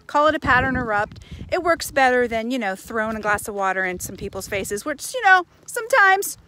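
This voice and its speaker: An American woman in her forties talking casually and earnestly in a motivational vlog, pausing for emphasis, recorded outdoors on a phone at arm's length. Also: fairly high pitch, bright, forceful tone. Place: outdoors on a residential path by a pond. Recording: faint outdoor background noise.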